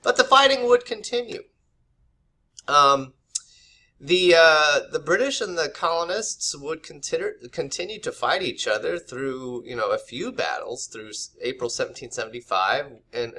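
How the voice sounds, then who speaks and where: A man's voice: mid-range voice, animated, moderate pace, sharp tone. A man giving an unscripted history lesson to camera, loose and conversational, with many fillers and restarts. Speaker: history teacher. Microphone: camera mic.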